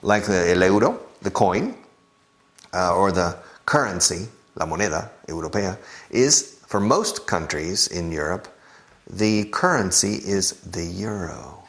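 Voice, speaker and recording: Man as patient English teacher, lively pitch, gravelly, unhurried; repeats words for drilling. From United States. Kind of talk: beginner language lesson.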